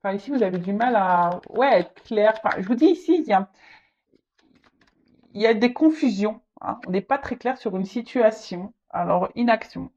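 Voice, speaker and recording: Woman tarot reader talking straight to the viewer, hesitant and repetitive, mid-pitched, muffled home recording. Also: lively intonation, a little mellow. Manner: halting, repeats words, many fillers; speaks directly to the viewer. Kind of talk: casual tarot reading to camera. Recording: slightly dull lo-fi audio.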